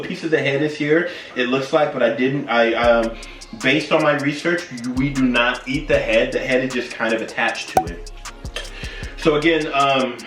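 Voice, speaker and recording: A man's voice: mid-range voice, a bit bright. Tipsy guy doing a cooking vlog, rambly and loses track, mic kinda far away, echoey room. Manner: tipsy, rambling, loses his train of thought. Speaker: host of a cooking video. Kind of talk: casual cooking vlog chat. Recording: roomy echo, distant mic, faint music.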